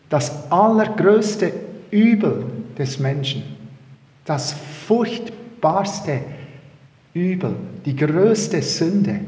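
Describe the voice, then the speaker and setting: A man, praying and then preaching from the Bible in an earnest, measured way with pauses and restarts. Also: a little high, darkish tone. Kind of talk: prayer and Bible sermon. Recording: roomy hall reverb.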